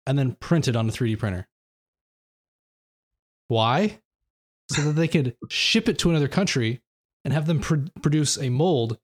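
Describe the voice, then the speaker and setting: A man hosting a podcast in casual chat, laid-back and self-mocking. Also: mid-range voice. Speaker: podcast host.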